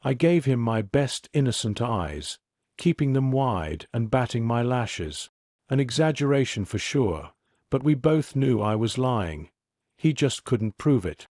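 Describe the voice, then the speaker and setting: A man's voice: medium pitch, sing-song, measured pace, a little mellow, no room sound. Man narrating a novel, dry close sound. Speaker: audiobook narrator. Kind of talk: first-person scripted narration.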